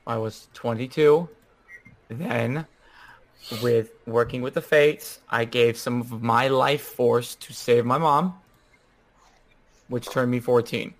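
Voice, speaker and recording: Male tabletop player, average pitch, casual bantering delivery with mock indignation. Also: steady tone, takes it slowly, long pauses. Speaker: tabletop role-playing player.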